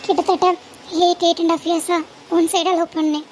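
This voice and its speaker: A woman plays a devoted young cartoon heroine with a very high, girlish voice. She pleads and clings, anxious and tearful. Faint background hiss sits behind her. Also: little pitch movement, a little fast. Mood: hesitant. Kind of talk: homemade animated cartoon dialogue.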